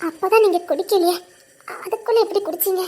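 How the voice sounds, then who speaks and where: A woman's voice: extremely high pitch, fast talker, mellow. A woman voicing an anxious but firm young wife who scolds and worries. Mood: scolding.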